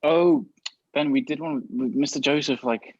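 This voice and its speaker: A man's voice: medium pitch, fairly even intonation, normal speed, darkish tone, breathy edge, highs cut off. A young man joking with friends on a video call, stumbling and restarting his words. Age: young adult. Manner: stammering restarts, boastful joking. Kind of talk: casual banter.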